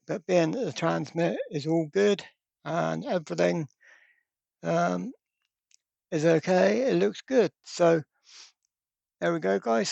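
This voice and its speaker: The host of a radio repair channel gives a rambling, hands-on product explanation, often hesitating as he goes. His voice is high, a little mellow, with vocal fry. The recording sounds dry and muffled.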